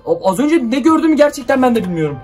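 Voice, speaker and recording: A man's voice: very high voice, very animated, racing, darkish tone, far from the mic. A young man making a drone video, telling his viewers nervously about something strange he sees and muttering orders at the drone. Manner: frightened, jittery, talks to viewers, mutters commands to the drone. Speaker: YouTuber. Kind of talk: excited horror-drone vlog. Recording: voice from off the mic, light music behind.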